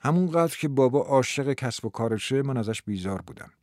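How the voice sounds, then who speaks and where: A man voicing a weary, downcast young man in a low, subdued and husky manner for an audiobook. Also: expressive, darkish tone, no room sound, studio quality, lightly acted. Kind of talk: audiobook reading.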